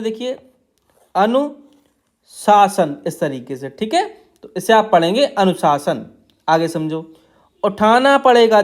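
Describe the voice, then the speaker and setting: A man teaching shorthand outlines, explaining each stroke in a patient, repetitive way while drawing on a tablet. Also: high voice. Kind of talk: tutorial explaining steno outlines.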